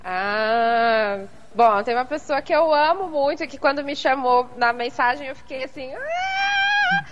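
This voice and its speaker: Laughing, high-voiced woman guest. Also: normal speed, lo-fi sound, over music. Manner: relaxed, laughs often, self-deprecating. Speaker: guest influencer. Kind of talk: casual interview chat.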